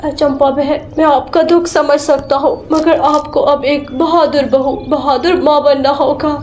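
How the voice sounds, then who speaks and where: A woman doing a hurried pigeon neighbour. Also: high-pitched, steady tone, a little mellow, slight background noise. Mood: urgent. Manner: hurried, earnest. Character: urgent male pigeon neighbour, kindly. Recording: roomy echo.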